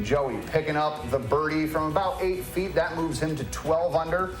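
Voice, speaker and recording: A man narrating scripted golf highlights as a commentator, with playful, colloquial quips. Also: roomy sound, rough recording. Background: music.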